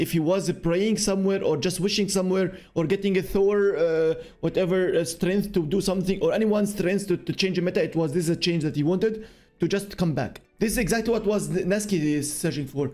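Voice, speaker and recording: A man hosting a casual streamed podcast talks in a high voice, stopping and restarting as he hunts for words. Faint music plays under him. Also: mellow. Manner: halting, restarts, non-native phrasing. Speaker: podcast host.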